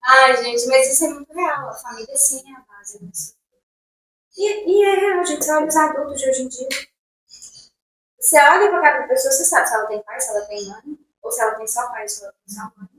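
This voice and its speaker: A woman's voice: sits high, brisk, fairly bright tone. A woman in casual chat on a podcast, speaking emphatically and firing off rhetorical questions. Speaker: podcast co-host. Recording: echoey room, voice far from mic.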